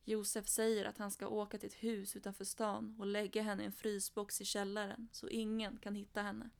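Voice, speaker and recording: Flat, gravelly woman telling true crime. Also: mid-range voice.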